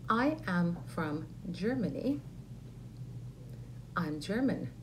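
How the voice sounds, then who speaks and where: A woman teaching an English lesson, saying model phrases slowly and clearly for learners to repeat. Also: lowish voice, very animated, slight background noise, poor audio. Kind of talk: ESL lesson with repeat-after-me drills.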